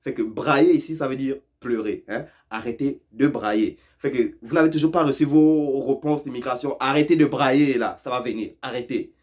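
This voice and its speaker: A man hosts a casual video lesson on local expressions. He teases his viewers, laughs often and repeats phrases for effect. His voice sits at an ordinary middle pitch. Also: moderate pace, hardly any pauses, a little mellow. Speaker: YouTube host explaining Quebec French expressions.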